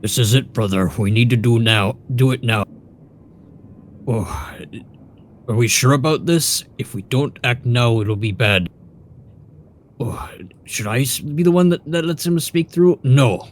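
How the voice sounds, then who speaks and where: A man's voice: mid-range voice, a little slow, slight background noise, lightly acted. A man voicing a two-headed male ogre whose heads bicker and call each other brother. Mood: tense.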